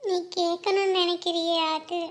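A teasing young bride-to-be. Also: female voice, extremely high pitch, level tone, normal speed. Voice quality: soft, teasing. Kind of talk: Tamil family drama acting.

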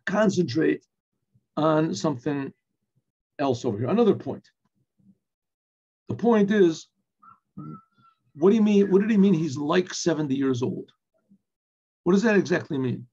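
Speaking in a high, breathy voice with a darkish tone, an older rabbi teaches a text in a Torah class. He asks and answers his own questions and mixes in Yiddish and Hebrew phrases. The webcam recording, made in a room with bookshelves, has dull, lo-fi audio.

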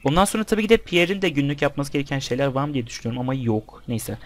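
A man's voice: medium pitch, very fast, a little hiss or hum. Chatty young man narrating his gameplay. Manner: chatty, talks to the game characters and the viewers. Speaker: gameplay commentator. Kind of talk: casual let's-play commentary.

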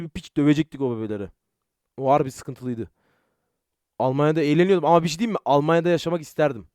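A young man chatting casually on a live stream, telling stories excitedly, swearing often and greeting viewers. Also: a little high, no room sound, clean studio sound. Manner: swears a lot, excitable storytelling.

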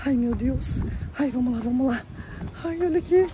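A woman's voice: high voice, normal speed, a little hiss or hum. A woman with a Brazilian Portuguese accent, filming a scripted adventure vlog outdoors on a handheld phone and exclaiming to her viewers. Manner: excitable, exclaims a lot, talks straight to viewers. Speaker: family vlogger.

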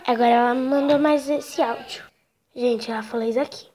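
A woman's voice: fairly high pitch, fairly even intonation, fairly quick, warm tone. A woman from Brazil doing casual vlog narration, giggly and constantly addressing her viewers. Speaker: vlogger.

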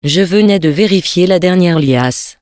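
A reader narrating a novel in the first person, with a measured, even delivery. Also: medium pitch, no room sound, studio quality. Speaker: reader of a story.

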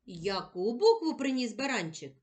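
A woman teacher with a Ukrainian accent giving a children's reading lesson, slowly sounding out letters and syllables. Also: a little high, very animated, a little mellow. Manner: slow, clear, sounding out syllables for young children.

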